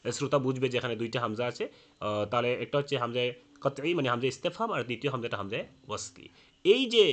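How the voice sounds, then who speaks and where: A man's voice: on the high side, a bit bright. A man teaching a lesson on Quran recitation rules, explaining step by step with frequent "ah" fillers and restarts.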